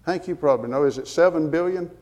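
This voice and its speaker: Emphatic preacher in a reverberant hall. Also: male voice, a little high, quick pace, darkish tone. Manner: earnest, emphatic, quotes scripture with references. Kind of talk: sermon.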